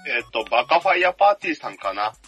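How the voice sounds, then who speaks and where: Fast, bright, husky man over a call. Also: medium pitch, sing-song, dull audio. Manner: fast, eager storytelling with jokey asides. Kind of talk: casual chat over a video call. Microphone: video call. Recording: video call with music behind.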